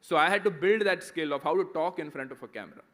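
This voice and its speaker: A man's voice: fairly high pitch, fast talker, fairly bright tone. A man in his thirties with an Indian English accent, speaking to students in a conversational motivational talk, often checking in with "right?". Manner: conversational, keeps asking "right?". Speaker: guest speaker answering students.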